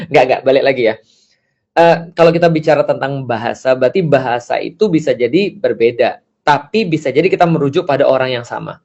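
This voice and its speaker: A man giving a casual religious lecture as a preacher, lively and acting out the voices he quotes. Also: mid-range voice, muffled recording. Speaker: Islamic preacher.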